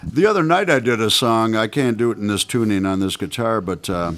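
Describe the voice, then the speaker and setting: A low-ish, fairly bright voice belongs to an American man in his sixties, a guest musician talking fairly quickly and casually in a small radio studio. He's easygoing and sprinkles in "man" and "you know," with slight background noise on the stand mic by his guitar.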